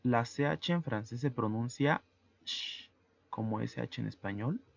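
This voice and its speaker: A man teaching French to Spanish speakers, explaining pronunciation slowly and methodically, letter by letter. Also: medium pitch, creaky, no echo, highs cut off. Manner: slow, methodical, spells out sounds letter by letter. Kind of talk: online language lesson.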